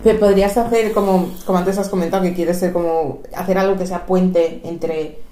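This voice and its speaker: A woman's voice: lowish voice, fairly even intonation, normal speed, warm tone. A woman in her forties from Equatorial Guinea hosting a podcast conversation, affirming her guest and laughing often. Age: 40s. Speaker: podcast host. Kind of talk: casual interview chat. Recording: echoey room.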